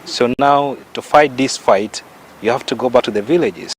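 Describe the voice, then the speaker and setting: Male radio host, mid pitch, emphatic and long-winded, faint traffic behind. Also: moderate pace, rough recording. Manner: emphatic, long winding questions. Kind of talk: radio interview.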